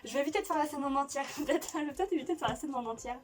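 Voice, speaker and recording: A woman's voice: high-pitched, rapid-fire. Chatty woman vlogger, a bit off-mic. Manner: chatty, rambling, self-justifying with frequent restarts. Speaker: YouTuber playing a quiz game. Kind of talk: casual reaction chat. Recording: voice a bit distant from mic with faint noise.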